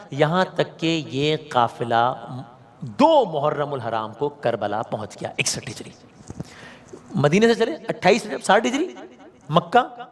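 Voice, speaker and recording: A man narrating a religious story as a sermon, dramatic, asking rhetorical questions and repeating key phrases. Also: a little high. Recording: long reverb hall.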